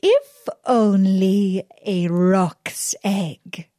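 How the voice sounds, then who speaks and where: A woman's voice: medium pitch, drawn-out words, warm tone, dry recording, clean studio sound. A woman voicing a sly disguised magician.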